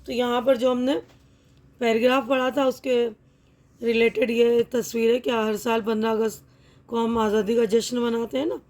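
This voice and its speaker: A young adult woman teacher explaining a textbook lesson patiently, sounding words out slowly and often checking that students follow. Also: fairly high pitch, level tone, darkish tone.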